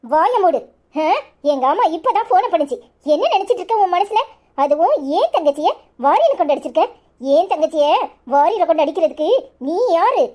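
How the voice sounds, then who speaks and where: Woman doing a sharp-tongued village wife, kanyakumari tamil accent, high voice, swoops all over while she scolds. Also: lively intonation, brisk. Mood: angry. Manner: scolding, shrill, sarcastic. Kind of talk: cartoon voice acting.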